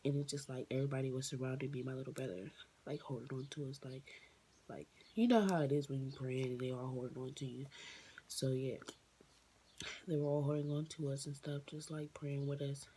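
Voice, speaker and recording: A woman telling a personal story on her vlog, emotional and near tears, halting with many fillers and restarts. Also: extremely low pitch, steady tone, dark tone, slight background noise. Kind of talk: casual storytime monologue.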